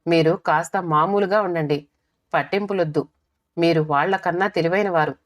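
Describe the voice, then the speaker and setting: Woman reading as a calm, firm wife. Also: lowish voice, normal speed, natural voice. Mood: firm, soothing.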